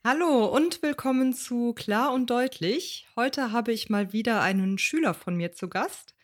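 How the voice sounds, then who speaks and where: A woman hosting a pronunciation podcast and interviewing her student, asking clear questions and laughing often. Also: fairly high pitch, unhurried. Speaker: podcast host and pronunciation teacher. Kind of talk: friendly interview.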